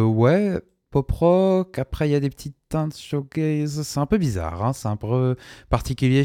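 A man's voice: mid-range voice, mellow, no echo, clean studio sound. A man presenting music on the radio in a casual, hesitant way, with many fillers and chuckling asides. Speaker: radio host. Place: radio studio.

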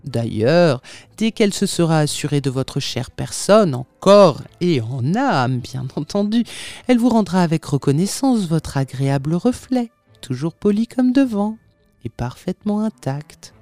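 Brief: sneering devilish tempter, courteous and ironic, wide pitch swings, played by the audiobook reader. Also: sing-song, unhurried, a little mellow, no echo, faint music behind. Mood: silky, mocking. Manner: ironic, unctuous, overly polite. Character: sly, mocking male tempter in red coat. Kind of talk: audiobook character reading.

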